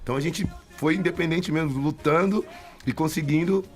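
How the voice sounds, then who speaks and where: A man's voice: fairly high pitch, a little fast, faint music behind. A man, a band's singer as an interview guest, telling stories chattily with frequent restarts. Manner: chatty, animated anecdotes with many restarts. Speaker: band vocalist, guest. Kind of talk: casual storytelling interview.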